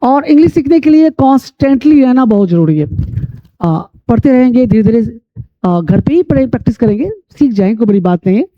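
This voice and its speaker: A man teaching English pronunciation, repeating rules and spelling letters out slowly. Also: very high-pitched, expressive. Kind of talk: classroom-style lesson. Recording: dull lo-fi sound.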